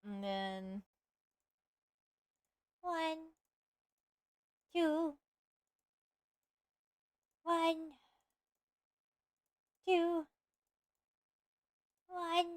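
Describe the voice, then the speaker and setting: Casting: high-voiced woman streamer, chatty and playful, dry close mic. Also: expressive, drawn-out words, pauses often, no echo. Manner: chatty, playful, dramatic outbursts. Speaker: VTuber streamer. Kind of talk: casual live-stream chat.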